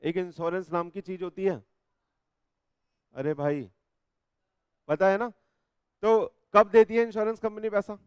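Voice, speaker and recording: A man teaching a law class in Hindi, coaxing his students with frequent checks and reading legal text slowly. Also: high-pitched, fairly even intonation, smooth, no room sound, clean studio sound. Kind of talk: classroom lecture.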